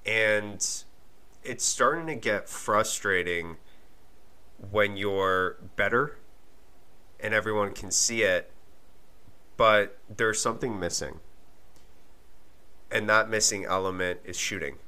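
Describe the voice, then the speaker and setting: A man hosting a solo soccer coaching podcast, hoarse after losing his voice, talking candidly with some restarts. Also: lowish voice, slow pace, pauses often, pushed and bright. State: hoarse from a lost voice.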